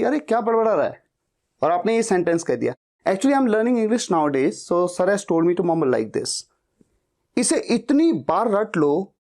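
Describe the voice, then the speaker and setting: A man teaching spoken English, repeating each practice phrase slowly and clearly. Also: high-pitched, a little mellow.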